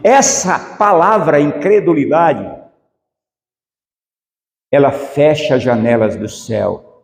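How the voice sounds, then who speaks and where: This pastor's voice is a little high and creaky, and he speaks at a slow pace. He preaches to his congregation in church, asking them rhetorical questions. The hall is echoey, so his words trail off in long reverb.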